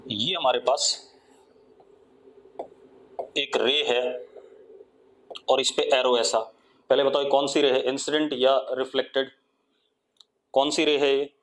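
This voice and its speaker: A man with an Indian accent teaching a live online physics class, coaxing students with repeated questions and dictating definitions slowly. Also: medium pitch, little pitch movement, fairly bright tone, slight background noise.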